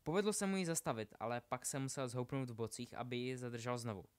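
A man narrating a novel aloud in steady storytelling, slowing down for effect. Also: mid-range voice, clear, resonant tone. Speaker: reader. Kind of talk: audiobook narration.

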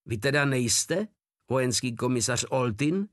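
Brief: man voicing an old gruff sergeant, weary and exasperated. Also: mid-range voice, lively intonation, fairly bright tone, dry recording, clean studio sound, voice pushed up, natural voice. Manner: tired, exasperated.

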